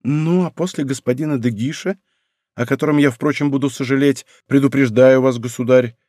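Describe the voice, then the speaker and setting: A man's voice: mid-range voice, fairly even intonation, brisk, darkish tone, dry recording, clean studio sound, lightly acted. A man voicing a proud young princess in an audiobook, pleading and slightly mocking. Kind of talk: audiobook character reading.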